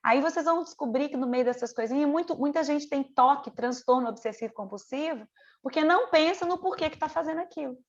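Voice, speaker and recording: A woman's voice: high voice, quick pace, lo-fi sound. A middle-aged woman, teaching a mentoring group over a video call in an earnest, conversational way, full of rhetorical questions. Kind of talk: online mentoring lesson.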